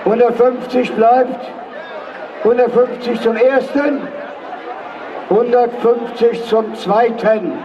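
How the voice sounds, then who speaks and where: A man's voice: extremely high pitch, steady tone, takes it slowly, pauses often. A man working as a live auctioneer, calling and repeating bids as host of an outdoor event. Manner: auctioneer's repeated bid calls and counting. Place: outdoor street event on a public square. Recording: loud noisy crowd, muffled distant outdoor PA. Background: loud crowd and street noise.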